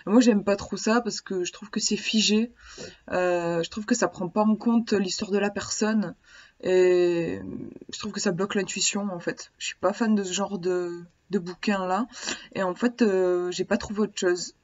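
A woman vlogger chats to the camera about a book she likes. She sounds eager and keeps hesitating and starting sentences over. Her voice sits at an ordinary pitch for a woman, and the recording is slightly dull and lo-fi. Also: steady tone, moderate pace, darkish tone. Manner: hesitant, many restarts, chatty and eager. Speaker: vlogger reviewing a divination book. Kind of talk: casual vlog talk to camera.

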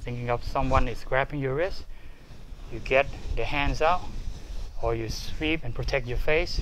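A man teaching karate, explaining each step twice in a halting way with many repeated words. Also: medium pitch, a bit bright, a little hiss or hum. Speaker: karate instructor. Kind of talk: demonstrating and explaining technique. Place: karate dojo.

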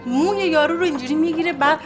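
An actress playing a sitcom wife who teases and relishes gory details. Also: female voice, high-pitched, over music, lightly acted. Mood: teasing. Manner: teasing, savoring gory details. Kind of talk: sitcom acting.

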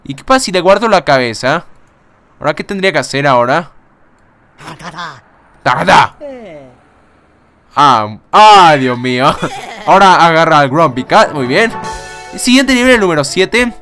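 A young man casually commenting on a game, excitable, swearing and laughing often. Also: fairly high pitch, a little slow, pauses often, soft background music. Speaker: gaming YouTuber. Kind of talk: casual let's-play commentary.

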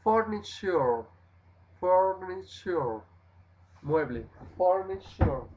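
A man teaching English vocabulary on a livestream, slowly repeating each word and giving its translation. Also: sits high, expressive, darkish tone, dull audio, slight background noise. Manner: slow, repeats each word, switches between languages.

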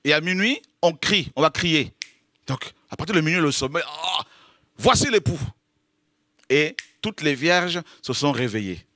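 A man from the French Caribbean preaching an informal sermon, humorous and lively, laughing often and acting out little scenes as he teaches. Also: a little high, moderate pace, dry recording, studio quality.

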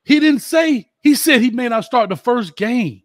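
Host man, high voice, bluntly teasing and slangy on a sports show, dry mic. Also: animated, moderate pace, no room sound. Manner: blunt, slangy, teasing, reads viewer comments aloud. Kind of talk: casual sports talk show.

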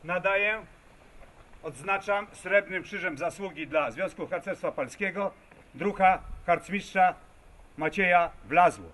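A man's voice: sits high, measured pace, a bit bright. A man solemnly declaiming a formal order at an outdoor scout ceremony. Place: outdoors at a forest clearing. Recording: outdoor recording with clear background noise.

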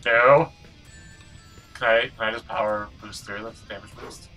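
A man's voice: on the low side, fairly even intonation, moderate pace, pushed and bright, faint music behind. A man doing casual, jokey game commentary as a co-host, riffing as he goes. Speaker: gaming video co-host.

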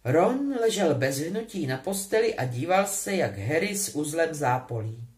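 A woman reading a novel aloud with an expressive, animated delivery. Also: deep voice. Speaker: audiobook reader.

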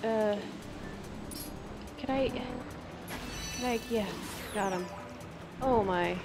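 A woman's voice: mid-range voice, drawn-out words. A woman giving casual let's play commentary, chatty and exclamatory, talking to the game's creatures as she plays. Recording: game music playing behind.

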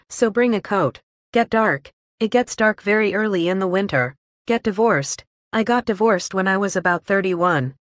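A woman slowly reading a list of English phrases, each followed by an example sentence. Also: mid-range voice, no echo, clean studio sound. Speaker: English teacher.

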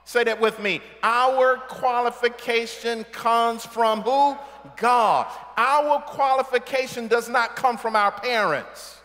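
A middle-aged male pastor preaching a sermon from a church stage, calling for amens and building to shouts. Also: very high voice, takes it slowly. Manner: call-and-response preaching, rising to shouts. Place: large church sanctuary stage. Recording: long church hall reverb.

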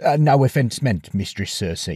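A man's voice: medium pitch, animated, moderate pace, dark tone, breathy edge, dry recording, clean studio sound. A man voicing a blunt, earnest male sailor who talks in a hurry.

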